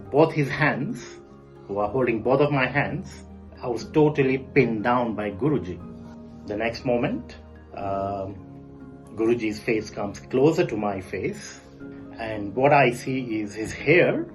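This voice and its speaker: A man in his forties, a podcast guest, recounting a personal experience in an earnest, halting way with frequent pauses. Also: medium pitch, low-quality recording. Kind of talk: spoken personal testimony.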